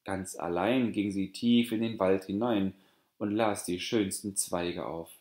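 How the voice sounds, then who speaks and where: A man narrating a fairy tale for an audiobook in a calm, even storytelling manner. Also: low voice, unhurried. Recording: roomy echo.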